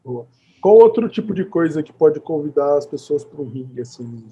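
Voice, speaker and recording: A man hosting an interview, chatting in a relaxed conversational way. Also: fairly high pitch, normal speed, breathy edge. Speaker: host. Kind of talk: casual interview chat. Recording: dull, muffled sound.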